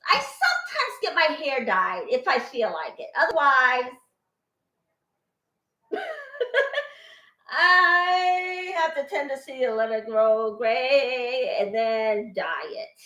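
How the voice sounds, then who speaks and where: An older woman hosts her own cooking vlog from a home kitchen, chatting along at an unhurried pace. Her voice is bright and fairly high, and the kitchen gives it a roomy, echoey sound. She rambles and laughs easily. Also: big pitch swings. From born in Boston, Armenian family. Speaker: cooking channel host. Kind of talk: casual cooking vlog chat.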